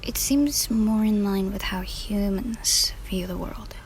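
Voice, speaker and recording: A woman's voice: mid-range voice, slow pace, a little hiss or hum. A woman giving casual commentary on a game as she plays, informal and slangy, thinking aloud. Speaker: streamer reacting to game story.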